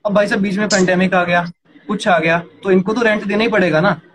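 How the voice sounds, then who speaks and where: A young man casually explaining startup funding to a co-host, talking quickly and animatedly. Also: high-pitched. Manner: rapid, animated, addresses partner as yaar and bhai. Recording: noisy background ambience.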